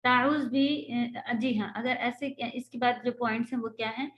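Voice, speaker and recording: A woman's voice: a little high, steady tone, fairly bright tone. A woman Quran teacher giving a patient, explanatory religious lecture, slipping English words into her talk.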